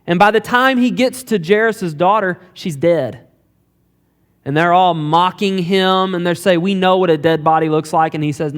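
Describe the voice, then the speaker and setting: A male pastor preaching a sermon, retelling scripture stories and asking the congregation rhetorical questions, voicing quoted lines in a lower, quieter tone. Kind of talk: expository sermon.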